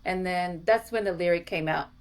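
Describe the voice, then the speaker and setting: Chatty woman hosting a podcast. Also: on the low side. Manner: chatty, enthusiastic, quick asides. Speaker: podcast host. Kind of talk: casual chat.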